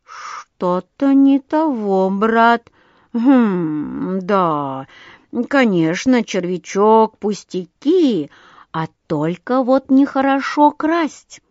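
A woman's voice: mid-range voice, animated, drawn-out words, a little mellow, no echo, muffled recording. Good-natured chimney sweep, read by a woman, mumbling and fatherly, storybook.

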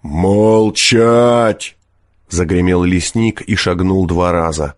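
A man narrating an audiobook in a measured, expressive way. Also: low-pitched, dry recording, clean studio sound. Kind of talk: scripted narration.

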